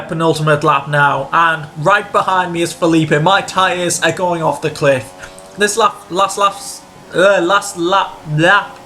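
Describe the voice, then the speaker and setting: A man commentating on his own racing game playthrough, excitable and jumping up in pitch when the action gets tense. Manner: excitable, rises sharply in pitch during tense moments. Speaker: gaming video creator. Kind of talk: let's-play racing commentary.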